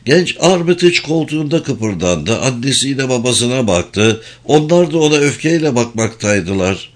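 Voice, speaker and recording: A man narrating an audiobook novel in a steady, clear reading voice. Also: mid-range voice, normal speed. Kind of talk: scripted narration.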